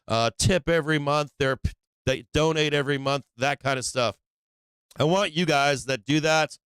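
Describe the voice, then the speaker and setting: A man hosts a live stock trading stream, chatting bluntly in slangy talk full of profanity as he comments on the market. His voice sits on the high side, fairly bright and smooth, in a dry recording.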